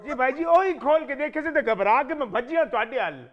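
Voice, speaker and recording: An indignant robbery victim with a Punjabi accent. He pleads quickly in a very high voice, and the sound is a little dull and lo-fi. He keeps protesting that nobody believes him. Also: lively intonation.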